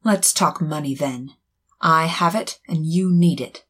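A woman playing a husky-voiced noir femme fatale. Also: sits low, a little slow, a bit bright, exaggerated voice. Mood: cool. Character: glamorous femme fatale woman, pleading and guarded. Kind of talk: noir radio drama acting.

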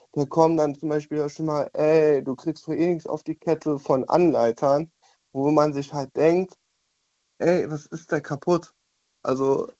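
A man with a somewhat high voice calls in to a radio show over the phone. He talks bluntly and frankly, swearing freely. The phone line makes him sound muffled and lo-fi. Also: mellow. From Düren, Germany. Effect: heard over the phone. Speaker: caller.

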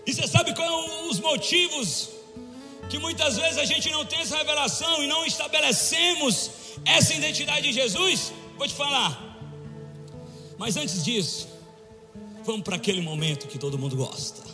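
A man preaching a sermon, telling a personal story in a playful, animated way and building to loud exhortation. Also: extremely high pitch, normal speed. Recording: echoing hall with faint music under.

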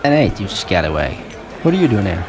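Deadpan crewman, swinging intonation. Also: sits low, a little fast, crowd noise. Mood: teasing. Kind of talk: comedic sci-fi audio drama acting. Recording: noisy ambience behind.

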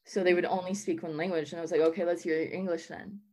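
Speaking fast in a fairly low, darkish voice with a level tone, this young Southern American woman answers interview questions in a relaxed, talkative way. "Like" and "um" crop up constantly.

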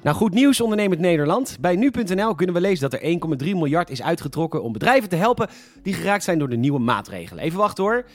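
A man hosting a scripted satirical news show, delivering sarcastic, mock-indignant commentary that sometimes bursts into shouting. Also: high voice, sing-song, quick pace, dry recording, studio quality, faint music behind.

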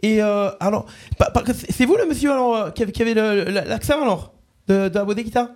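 A man putting on a stammering high-voiced office manager. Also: a little fast, a little mellow, natural voice. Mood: bumbling. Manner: stammering, hesitant, repeats words. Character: bumbling male corporate communications manager. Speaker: prank caller, radio host. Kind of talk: prank phone call.

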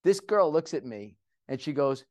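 A man's voice: fairly high pitch, animated, moderate pace, darkish tone. Earnest middle-aged man giving a testimony. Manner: earnest, conversational, repeats himself for emphasis. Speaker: speaker at a men's group. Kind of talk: personal testimony talk.

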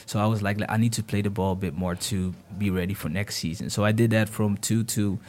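A man's voice: lowish voice, brisk. Young dutch-raised guy chatting as a guest, laid back, lots of restarts. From Netherlands. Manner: relaxed, hesitant with many restarts. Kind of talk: casual interview.

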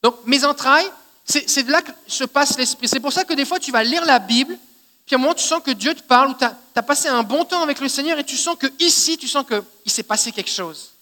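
Québécois male pastor, high and ringing, chatty sermon delivery, long hall reverb. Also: lively intonation, fast talker, bright, forceful tone. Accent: Québécois French. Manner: conversational teaching, often checking in with "d'accord?".

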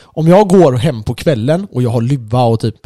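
Man, podcast co-host, reflective, example-driven, mid-pitched, dry room. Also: lively intonation, warm tone, no echo. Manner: reflective, reasons through everyday examples. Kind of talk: casual conversation.

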